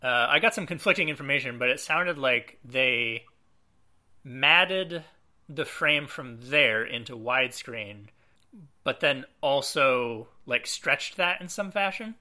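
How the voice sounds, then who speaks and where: Man, very bright voice, mid pitch, casual film podcast, fillers and acted-out quotes. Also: slow. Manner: relaxed, lots of fillers, acts out quotes. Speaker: podcast co-host.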